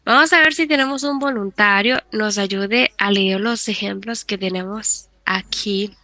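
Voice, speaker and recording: A woman's voice: mid-range voice, a little slow, sharp tone, no room sound. A woman teaching an English class in Spanish, patiently explaining grammar rules step by step and switching between Spanish and English.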